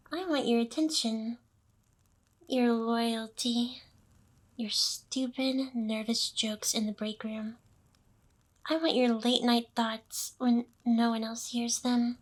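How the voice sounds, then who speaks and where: This high-pitched woman again voices the possessive, self-satisfied ancient demoness boss, pausing teasingly in a close, seductive ASMR roleplay. Here her mood turns intense and possessive.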